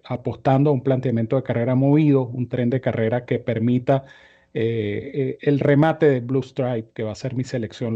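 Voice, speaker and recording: A man analyzing horse races on a video call, with a measured explanatory delivery. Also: mid-range voice, mellow, dull audio. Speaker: racing analyst. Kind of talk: horse racing analysis show.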